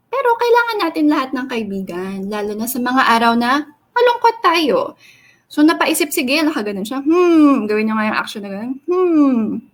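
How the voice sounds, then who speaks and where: Lively high-voiced woman storyteller. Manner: expressive, sing-song, asks children questions. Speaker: storyteller reading to children. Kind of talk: animated read-aloud storytelling for kids.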